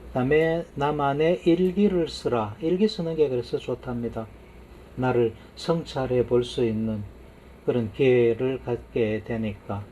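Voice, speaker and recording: A man giving an unhurried lecture, often stopping to affirm himself while he points things out on his slides. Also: mid-range voice, warm tone, lo-fi sound, a little hiss or hum. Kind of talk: lecture on brain science.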